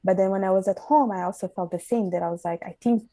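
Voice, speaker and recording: A woman's voice: mid-range voice, fast, dark tone, no echo, rough recording. A young woman with an Italian accent, a podcast guest talking earnestly in a casual interview and often restarting her sentences. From Italy.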